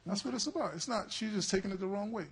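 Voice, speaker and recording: A man with a high, husky voice explains his side as a litigant in TV court. He is earnest and self-justifying, circling back over his phrases. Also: animated, quick pace. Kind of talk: unscripted explanation to a judge. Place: TV courtroom studio.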